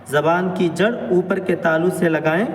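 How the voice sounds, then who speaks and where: A man teaching a pronunciation lesson on Arabic letters, drawing out each sound slowly and carefully. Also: sits high, fairly even intonation. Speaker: Quran recitation teacher. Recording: echoey hall, mic at a distance, faint noise.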